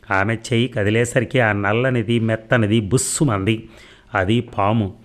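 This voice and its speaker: Low-voiced man reading a suspense serial. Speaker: narrator. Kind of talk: serial story narration.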